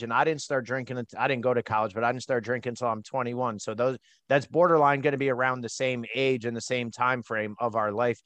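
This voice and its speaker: A man's voice: medium pitch, smooth, no room sound. A young man from the East Coast hosting a podcast, chatty and enthusiastic, rambling with lots of filler words. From United States (East Coast). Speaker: podcast host. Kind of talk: casual interview.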